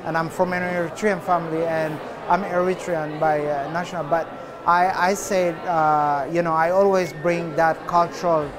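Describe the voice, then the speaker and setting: In a cafe setting with crowd noise around him, an Ethiopian man in his forties, who is an artist, takes interview questions calmly and without hurry. He fills his many pauses with fillers, and his voice runs a little high.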